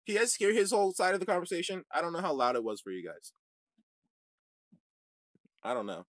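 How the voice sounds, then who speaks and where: A man hosting a religious online show, ranting to his viewers in a combative way that swings from shouting to muttering. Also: high voice, sing-song, brisk, no echo. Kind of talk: heated livestream rant to viewers.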